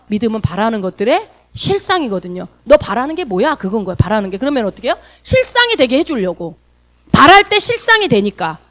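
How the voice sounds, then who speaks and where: Woman pastor, sermon, lively swooping pitch, rather high voice, rhetorical questions. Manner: animated, acts out quoted voices and asks the congregation questions.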